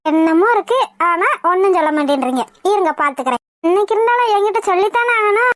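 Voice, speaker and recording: A woman's voice: extremely high pitch, animated, quick pace, no echo, clean studio sound. A woman voicing a young, devoted wife in a cartoon, affectionate, pleading and playfully scolding. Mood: teasing. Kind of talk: cartoon voice acting.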